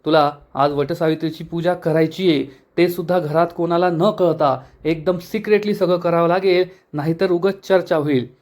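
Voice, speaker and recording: A man's voice: fairly high pitch, steady tone, normal speed, hardly any pauses, a little mellow, natural voice. A man voicing a defiant young wife. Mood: muttering. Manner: curt, defiant. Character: young wife, proud and quick-tempered.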